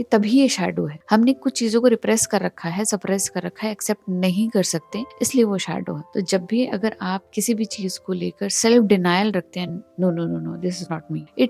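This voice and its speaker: A woman's voice: medium pitch, creaky, dark tone, breathy edge. A woman self-help coach with an Indian English accent, explaining ideas in a motivational talk, mixing Hindi and English and drawing on personal examples.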